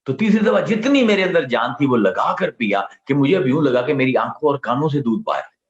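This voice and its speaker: Man telling a story in a lecture, roomy sound. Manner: lively storyteller who acts out quoted lines with big pitch swings. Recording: roomy, slightly dull recording.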